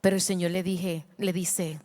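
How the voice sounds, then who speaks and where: A woman pastor preaching a sermon with passion, moving between hushed and loud passages, moved by her own words and calling the congregation to repeat after her. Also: on the low side, level tone, moderate pace, in a large hall.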